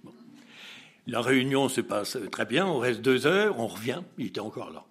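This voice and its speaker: A man telling an anecdote as an interview guest. He is a lively storyteller who acts out dialogue, laughs often, and hesitates and restarts. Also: mid-range voice, normal speed, husky.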